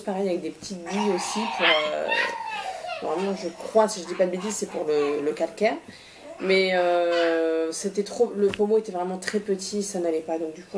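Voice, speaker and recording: A woman's voice: lowish voice, noisy background. A woman presenting a shopping haul in a casual, hesitant way, with many fillers and restarts.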